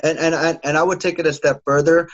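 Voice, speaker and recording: A man's voice: a little high, steady tone, highs cut off. A man in his thirties talking casually as an interview guest, often restarting his sentences and filling with "uh" and "you know". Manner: halting, many restarts and fillers. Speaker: guest, home security salesman.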